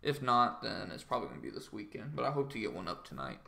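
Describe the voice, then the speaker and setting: With a fairly low, sing-song voice that's creaky, bright and forceful, a groggy young man talks fast while casually chatting on a trading livestream. He rambles and stuffs his speech with ums and likes.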